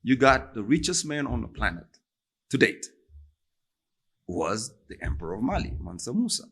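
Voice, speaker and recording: A man talking as a podcast guest in casual conversation, animated and storytelling, often checking in with "right?" and "you know". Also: mid-range voice, moderate pace, vocal fry, slightly rough. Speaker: guest, software engineer.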